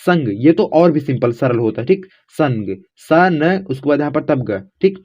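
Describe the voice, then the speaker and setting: Guy teaching a lesson, spells it out letter by letter, keeps saying ok, bit high voice, muffled recording. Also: animated, normal speed, darkish tone. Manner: repeats "theek" constantly, spells letters aloud step by step; addresses viewers as friends, informal. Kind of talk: casual classroom explanation. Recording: dull lo-fi recording.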